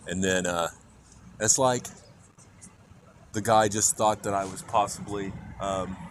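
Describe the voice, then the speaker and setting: A man from Kansas rambling casually on a live stream, chatting to viewers and reading out chat as he talks, recorded on a phone outdoors near traffic. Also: on the low side. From Kansas, USA. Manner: rambling, jokey, reads chat aloud. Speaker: IRL streamer. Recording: phone recording with clear traffic noise outside.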